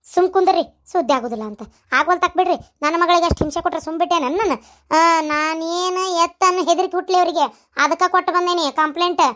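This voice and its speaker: Woman as a squeaky, bright-voiced nagging wife, North Karnataka Kannada accent, cartoon comedy, rattles on fast. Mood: angry, defensive. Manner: nagging, scolding rapid-fire.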